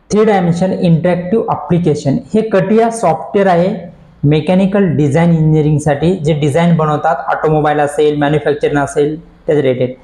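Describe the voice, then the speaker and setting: A man giving a screen-recorded software tutorial, explaining step by step and asking himself questions he then answers. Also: fairly high pitch, low-quality recording. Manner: explains step by step, mixing English terms, repeats questions and answers them.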